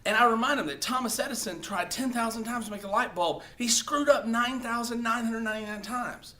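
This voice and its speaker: Very high-pitched and sharp-toned, this man speaks fairly quickly to the camera. He gives blunt, profane social-media advice in a casual way, frequently capping his points with "okay?".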